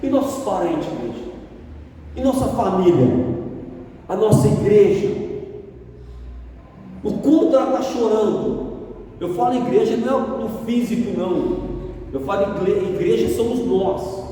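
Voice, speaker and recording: Fervent preacher in an echoey hall. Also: male voice, sits high, lively intonation, a little slow, long pauses, dark tone, slight background noise. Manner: fervent preaching, often calling out to the congregation. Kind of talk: sermon. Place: church hall. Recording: echoey church hall from far off.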